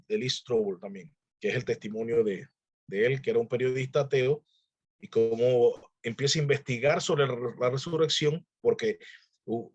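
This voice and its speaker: A man's voice: mid-range voice, husky, lo-fi sound. A man teaching a church discipleship class, earnestly exhorting his listeners in a conversational preaching manner.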